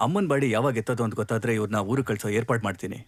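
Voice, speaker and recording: A man's voice: medium pitch, rapid-fire, close to an everyday voice. A man playing a chatty village fixer who helps the family, speaking in dubbed film dialogue. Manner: chatty, explaining.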